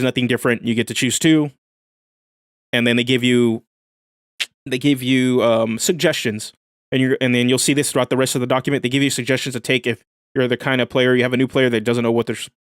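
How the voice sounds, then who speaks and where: A man's voice: mid-range voice, fast talker, no echo, clean studio sound. Casual man hosting a game livestream. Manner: enthusiastic, casual slang, reads chat aloud. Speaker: livestream host.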